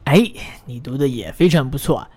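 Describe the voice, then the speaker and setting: A man's voice: mid-range voice, animated, darkish tone, breathy edge. Encouraging male English teacher. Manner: models phrases slowly, then pauses for the listener to repeat; encouraging, praises the learner often. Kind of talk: English pronunciation drill lesson.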